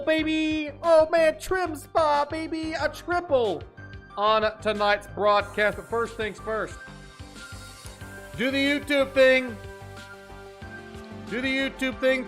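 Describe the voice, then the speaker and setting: High-voiced hyped-up male streamer. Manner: hypey, jokey, shouts catchphrases, drops into a deep mock-spooky voice. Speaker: live-streaming gaming host. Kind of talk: energetic live stream chat. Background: faint game music.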